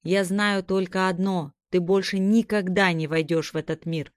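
A woman's voice: on the low side, fairly even intonation, moderate pace, clean tone, no echo, clean studio sound, lightly acted. A woman voicing Ethan, a reckless and determined young male hero, with a raised voice, in an audiobook.

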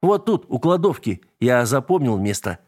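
A man's voice: medium pitch, big pitch swings, moderate pace, darkish tone, breathy edge. A man voicing the witch's surly grown son, who snaps and curses. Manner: snapping, cursing.

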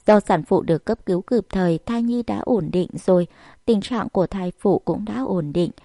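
A woman narrating an audiobook story in a steady, even reading. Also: medium pitch, normal speed, dry recording, studio quality.

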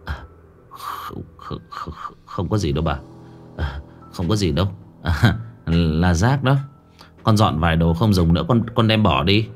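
Brief: a terrified young man, put on by a male narrator, stammering, pitched well up, lively swings. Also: moderate pace, long pauses, faint music behind. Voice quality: stuttering.

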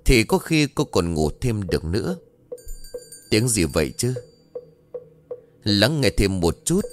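A man narrating a scripted horror story with an expressive, suspenseful delivery. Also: lowish voice. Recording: dry close mic, faint music.

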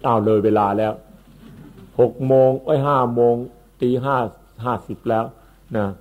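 A man, a monk, giving an unhurried Dhamma sermon that explains Pali terms and repeats his words. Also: mid-range voice, steady tone. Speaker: Buddhist monk. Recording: tinny phone-like recording.

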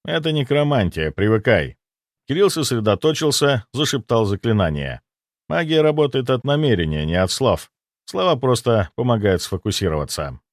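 A man narrates a first-person fantasy audiobook in a lively voice that swings freely up and down. His wry, deadpan asides sit close on a studio mic. The sound is dry, with no room behind it. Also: lowish voice, no room sound.

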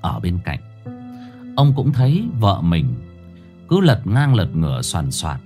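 Man, ghost story narrator, lively intonation, dramatic, soft music underneath. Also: sits low, takes it slowly. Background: soft background music.

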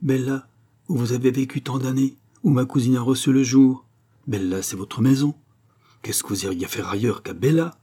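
A man doing an earnest young count in a storybook reading, talking up higher than his own low voice, eager and pleading. the sound is warm and a bit husky. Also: moderate pace, lightly acted. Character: earnest young male count, impulsive and kind.

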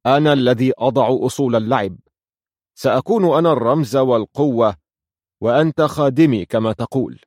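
A man voicing an angry, tyrannical chess king who shouts his commands in a dry storybook reading. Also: mid-range voice, a little fast, no room sound, natural voice. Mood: haughty angry.

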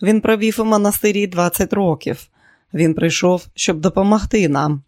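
A tense young woman on the run, plotting her way out, as a male narrator puts her on. She speaks urgently in a raised, higher voice. The audiobook reading is close and dry. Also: steady tone, moderate pace, no room sound, natural voice.

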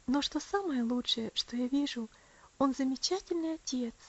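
Kind young woman, soft and soothing, a little raised in pitch, read by a woman, dull lo-fi sound. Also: moderate pace. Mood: tender. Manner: tender, soothing. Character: gentle affectionate young woman. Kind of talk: audiobook character voice.

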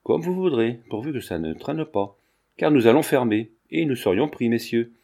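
A man reading a storybook, voicing a gruff but kindly old army sergeant who scolds and blusters. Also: mid-range voice, animated, moderate pace, warm tone. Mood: scolding. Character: gruff, good-natured old army sergeant park keeper.

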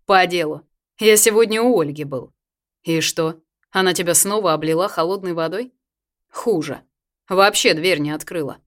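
A woman reading an audiobook, voicing a brash young man who teases his twin loudly. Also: fairly low pitch, moderate pace, lightly acted. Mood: teasing. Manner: loud, teasing, sing-song jabs.

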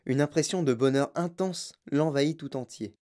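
A man reading a children's storybook aloud in a calm, even narration. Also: on the high side, moderate pace.

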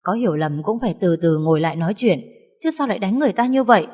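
A woman's voice: medium pitch, animated, rapid-fire, a little mellow, natural voice. A woman voicing a stern, self-righteous young husband in a reverberant recording. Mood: lecturing. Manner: lecturing sternly. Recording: long reverb.

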